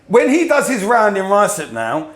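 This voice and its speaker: A man's voice: high-pitched, huge pitch swings, normal speed. A man, a podcast guest rambling through anecdotes and laughing often. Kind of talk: casual chat, storytelling. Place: vape shop. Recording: echoey room.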